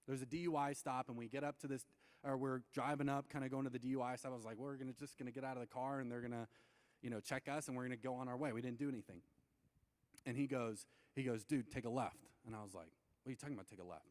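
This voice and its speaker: A young adult man giving a youth sermon. He tells stories with lots of fillers and acts out the quotes with big jumps in pitch. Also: fairly even intonation, fast talker. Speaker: youth pastor. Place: church hall. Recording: long reverb of a large hall.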